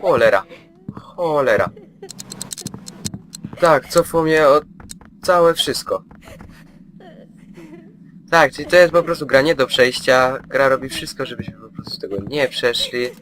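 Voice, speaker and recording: A man of average pitch talks through a horror game as he plays it. He jokes constantly and chats to the characters on screen, half teasing and half soothing them, in a loose let's-play commentary. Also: unhurried, long pauses, fairly bright tone, slight background noise. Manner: jokey, chatters to game characters, mock-soothing. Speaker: gameplay commentator.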